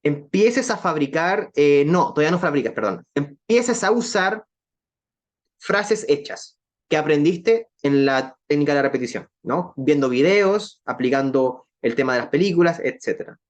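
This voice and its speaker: A woman teaching an online English lesson. She explains each step to viewers directly. She keeps checking in with quick "¿ok?" and "¿cierto?" tags. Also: low-pitched, expressive.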